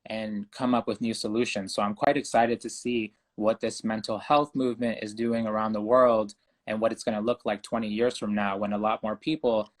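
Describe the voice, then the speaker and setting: A young man from Ecuador speaks as a guest in an interview, calm and earnest. His voice sits low and stays fairly even in pitch, unhurried and reflective. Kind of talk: conversational interview.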